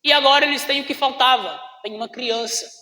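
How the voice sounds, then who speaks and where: A man's voice: very high voice, brisk, sharp tone. A man preaching a sermon to his congregation in a church hall, often calling out to the brothers and asking them questions. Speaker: pastor. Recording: echoey church hall with long reverb.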